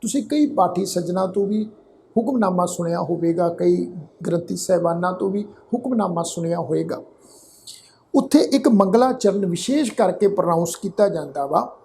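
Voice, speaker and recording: Male scripture pronunciation teacher, gravelly voice, spells out letters and marks and models each word slowly; faint noise behind. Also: high voice, a little mellow. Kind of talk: slow line-by-line scripture pronunciation lesson.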